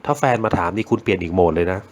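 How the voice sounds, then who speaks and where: A man's voice: low voice, racing. A middle-aged man who runs a knife shop chats casually about a knife, joking, rambling and swearing freely. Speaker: knife shop owner reviewing knives. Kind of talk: casual product chat.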